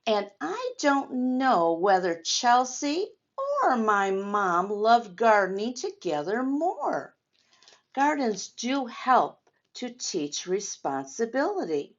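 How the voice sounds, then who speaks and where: Very animated and slow-paced, an older woman with a fairly high voice leads a children's story time, reading a picture book and explaining things directly to her young listeners. The high frequencies in the recording are cut off.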